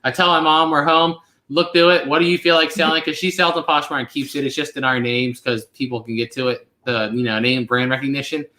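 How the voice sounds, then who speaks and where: Man, twenties, casual live chat host, rambling, mid pitch, echoey room. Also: steady tone, brisk, bright, forceful tone. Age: 20s. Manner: laid-back, rambling with many fillers. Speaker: channel host. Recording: roomy echo.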